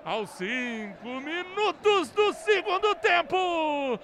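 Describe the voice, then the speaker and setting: A man giving explosive football goal commentary, excitedly shouting and stretching out key words. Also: extremely high pitch, slow pace, a faint crowd, a little hiss or hum.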